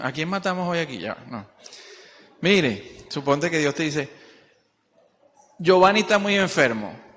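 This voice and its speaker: A man preaching in a church, his somewhat high voice ringing with long reverb through the hall. He talks in animated bursts, acting out the voices he quotes and stopping now and then to hunt for the right word. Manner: searching for words mid-sentence. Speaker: pastor. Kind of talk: sermon. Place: church service.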